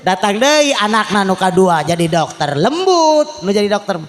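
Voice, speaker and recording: A man with a Sundanese accent delivers a comic sermon, acting out the people in his story. His voice sits high and leaps around a great deal. He mixes loud, shouted lines with quiet asides. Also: sing-song, moderate pace. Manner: switches between Sundanese and Indonesian. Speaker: preacher.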